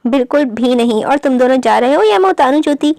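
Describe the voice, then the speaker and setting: A woman's voice: high-pitched, lively intonation, gravelly, a little mellow, no echo, studio quality. A woman reading the part of a strict middle-aged mother who scolds her sons sharply in an audiobook story. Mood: scolding.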